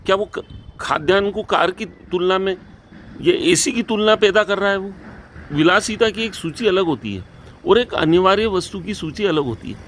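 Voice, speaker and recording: A man's voice: high voice, animated, moderate pace, fairly bright tone, a little hiss or hum. A man hosting a political discussion, firing rhetorical, pointed questions at his guest.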